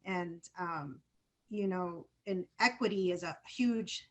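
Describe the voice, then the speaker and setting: A woman's voice: on the low side, slow pace. A woman from Summit, Illinois, on a video call. Her connection is corrupted and glitchy, cutting out as she earnestly makes her point, repeating words and restarting. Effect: corrupted glitchy audio, cutting out and skipping. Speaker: panel guest, environmental nonprofit leader. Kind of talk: casual panel conversation.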